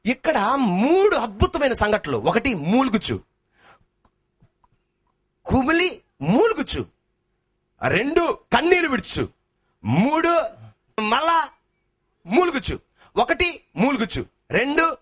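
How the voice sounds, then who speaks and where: A male pastor preaching a sermon, swinging between shouted sing-song lines and lower talk, calling the congregation to answer back. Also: wildly swooping pitch, unhurried, long pauses, breathy edge.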